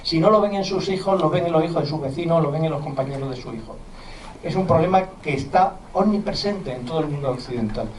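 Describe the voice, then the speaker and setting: A middle-aged man with a mild Andalusian accent lectures earnestly to an audience of parents, slipping in conversational asides. His fairly high voice is picked up from a distance. It echoes around a roomy hall with faint noise underneath. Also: fast talker. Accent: mild Andalusian Spanish. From southern Spain. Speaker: physician and university lecturer.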